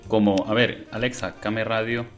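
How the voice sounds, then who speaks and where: Dude co-hosting, lowish voice, dry teasing, guitar music behind. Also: male voice, little pitch movement, normal speed. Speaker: radio co-host. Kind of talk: comedic radio banter.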